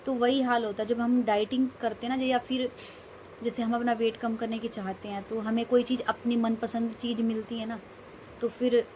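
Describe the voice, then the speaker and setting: A woman's voice: a little high, flat delivery, normal speed, a little mellow, slight background noise. A young woman vlogging casually, telling a rambling, emphatic story about her day. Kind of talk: casual vlog monologue.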